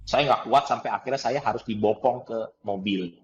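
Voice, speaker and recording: A man telling a personal story in conversation, animated, laughing often and acting out the dialogue. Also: medium pitch, normal speed, muffled recording, soft background music. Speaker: guest trainer.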